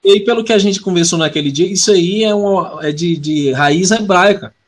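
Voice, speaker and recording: A man's voice: sits high, a little fast. A man in casual conversation, thoughtful and agreeable, explaining his points with examples.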